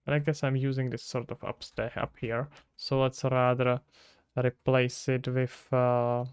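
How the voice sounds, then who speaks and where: A Czech man from the Czech Republic streams game development, thinking aloud and casually answering chat questions as he works. His medium-pitched voice is flat and measured, with a clean tone and no room sound.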